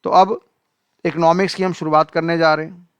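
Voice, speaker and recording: Male teacher, resonant voice, slightly high, dry close sound, friendly lecturing tone, calls students beta. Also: level tone, brisk, clear, resonant tone, no room sound, highs cut off. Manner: addresses students as beta, acts out their excuses. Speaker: economics teacher. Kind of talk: classroom lecture.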